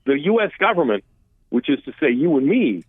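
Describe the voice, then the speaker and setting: A man speaks a little fast in a slightly high, sing-song voice with a breathy edge, joining a political talk radio interview as a policy expert. His first language is Armenian, and he discusses immigration emphatically and conversationally, restarting frequently. The phone-line audio is dry, with no room sound.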